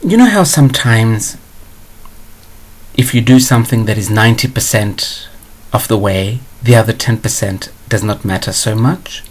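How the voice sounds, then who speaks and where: A man's voice: lowish voice, animated, moderate pace. A man hosting a spiritual advice show, answering a viewer question in a blunt, digressive way.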